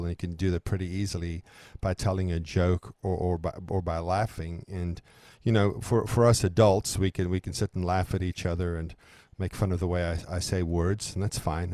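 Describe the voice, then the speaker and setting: A man's voice: sits low, mellow, dry recording, studio quality. A man born in South Africa, co-hosting a parenting discussion and talking things through thoughtfully with frequent restarts. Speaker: podcast co-host. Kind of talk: conversational discussion.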